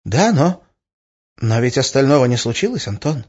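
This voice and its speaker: A man voicing a shrill, desperate female witch who shrieks and pleads, in an audiobook reading. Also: sing-song, normal speed, darkish tone, breathy edge, lo-fi sound. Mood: coaxing. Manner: shrieking, high-strung.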